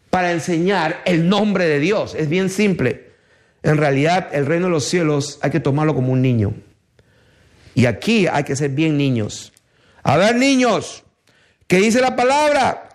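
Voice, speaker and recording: A middle-aged male preacher delivers a sermon in a high voice. He speaks slowly and deliberately and keeps putting emphatic rhetorical questions to his listeners.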